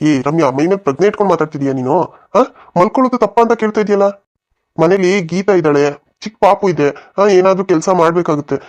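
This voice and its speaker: A man voicing a village neighbor and a husband in a cartoon comedy, reasoning in a plain, hurried way. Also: sits high.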